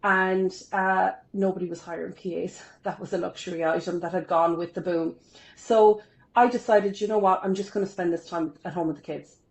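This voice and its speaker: An Irish woman in her forties, a podcast guest, tells her life story in a chatty, upbeat way with self-deprecating humour during a casual interview. Her voice is on the low side, with fairly even intonation and a moderate pace, and the audio is poor.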